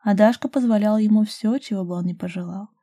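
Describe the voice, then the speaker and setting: A woman reading a romance novel aloud as an audiobook narrator, in a soft, intimate, even manner. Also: mid-range voice, fast talker.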